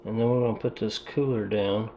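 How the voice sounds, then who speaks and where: A PC hobbyist vlogger rambles to himself in a fairly even, lowish voice at normal speed while repasting and reassembling his computer, poking fun at himself as he goes. The audio sounds dull, with faint music behind him.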